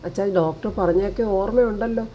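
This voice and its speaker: A woman's voice: medium pitch, quick pace, highs cut off, a little hiss or hum, lightly acted. A woman voicing a caring younger sister who coaxes and reassures her bedridden sibling, in a TV serial recap. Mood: reassuring. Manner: coaxing, reassuring.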